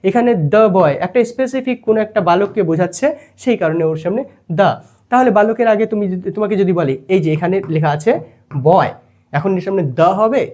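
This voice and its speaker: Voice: medium pitch, mellow. Teacher explaining grammar patiently. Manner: explains step by step, checks in often with questions. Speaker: English teacher. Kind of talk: classroom grammar lesson.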